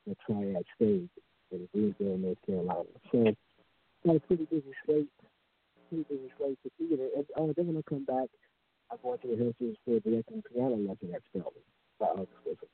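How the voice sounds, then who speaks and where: A man's voice: fairly high pitch, wildly swooping pitch, brisk, vocal fry, slightly rough, dry recording. A man calling in as a guest over a phone line, chatting casually and chuckling. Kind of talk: casual chat. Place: indoors by a window.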